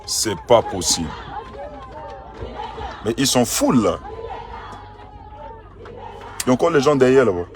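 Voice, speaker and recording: Exclaiming pastor outside a church. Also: male voice, medium pitch, sing-song, a little slow, pauses often, some chatter behind, slight background noise. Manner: exclaiming, repeats himself in disbelief. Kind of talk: phone video to followers, then addressing a crowd. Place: outside a church among a crowd.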